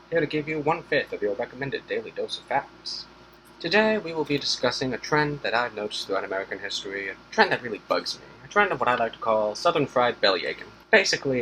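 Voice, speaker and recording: A man's voice: fairly low pitch, sharp tone, slight background noise, rough recording. A man hosting a casual history commentary, sarcastic and rambling, with swearing asides. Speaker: host.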